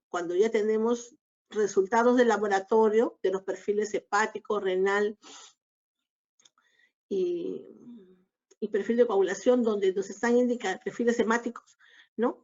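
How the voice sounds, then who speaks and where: A woman giving a recorded obstetrics lecture, explaining each slide in a measured way. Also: medium pitch, a little mellow. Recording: dull lo-fi lecture audio.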